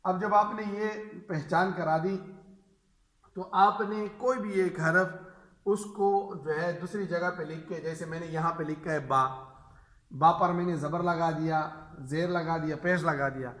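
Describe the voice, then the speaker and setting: A man gives a Quran reading lesson in a slightly high, bright and forceful voice. He drills each point by asking and answering his own questions. The room has a clear echo around him. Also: steady tone. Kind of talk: instructional lesson for teachers and parents. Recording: echoey room.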